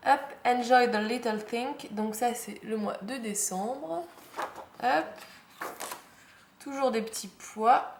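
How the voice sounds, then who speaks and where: A young woman chatting casually through a planner unboxing, fond of the cute details and saying "hop" as she turns each page. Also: sits high. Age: young adult. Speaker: planner vlogger. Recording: echoey room with faint noise.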